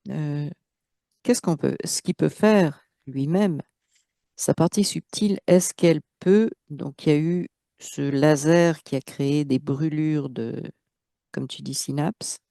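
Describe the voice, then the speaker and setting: A woman acting as the operator of a channeling session, guiding with short questions and quick affirmations. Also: low-pitched, creaky, mellow, no room sound, studio quality.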